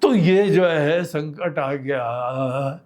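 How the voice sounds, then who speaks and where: A man, a swami, giving a spiritual discourse in an unhurried storytelling manner with everyday examples, dropping low and soft for asides.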